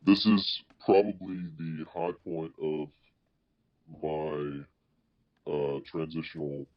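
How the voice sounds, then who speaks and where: A man speaking as a police officer in an interview, in measured, formal wording, his voice electronically distorted into a deep disguise. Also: level tone. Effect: voice electronically distorted to sound deeper, as a disguise. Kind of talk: interview, explaining at length. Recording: dull, muffled lo-fi audio.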